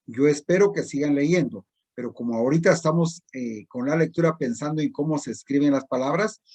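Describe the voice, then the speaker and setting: A middle-aged male teacher explaining spelling rules slowly and repetitively, with many pauses. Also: on the high side, darkish tone, breathy edge. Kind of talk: recorded distance-learning spelling lesson.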